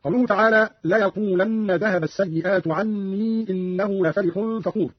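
A man presenting a formal radio lesson, explaining recitation variants and chanting short example verses in a measured, didactic manner, on a dull lo-fi radio recording. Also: sits high, slightly rough, no room sound.

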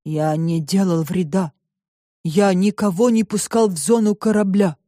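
A woman voicing a dutiful, stubborn ship's robot in an audiobook, speaking slowly and evenly. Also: medium pitch, dry recording, studio quality, close to an everyday voice. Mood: plodding. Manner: slow, measured, flat report-like speech.

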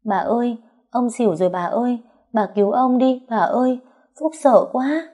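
A woman's voice: medium pitch, normal speed, darkish tone, natural voice. A woman voicing a small boy who talks in a childlike, wheedling way. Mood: frightened. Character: small boy, sweet and pleading.

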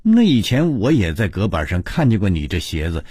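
A man's voice: low-pitched, big pitch swings, fairly quick, darkish tone, husky, no echo, studio quality, heavily acted. A man voicing a nervous, easily frightened office worker in an audiobook. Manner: nervous, shaken.

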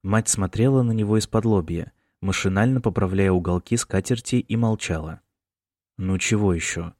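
A man narrating a novel in a measured, even delivery. His voice is low, and the recording is dry and close with no room sound. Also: no echo. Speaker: audiobook reader. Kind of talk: scripted narration.

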